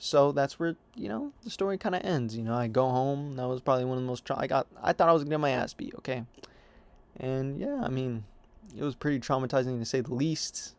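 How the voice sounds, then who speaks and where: A man's voice: mid-range voice, fairly quick, clean tone. Young man telling a profane, rambling story. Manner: profane, rambling, full of "you know" and "whatever" fillers. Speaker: storytime vlogger. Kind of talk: casual storytime monologue.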